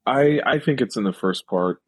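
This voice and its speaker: A man's voice: mid-range voice, animated, moderate pace, slightly rough, dry recording. A man co-hosting a podcast, talking about a film in casual chat and rambling with lots of fillers. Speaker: podcast co-host.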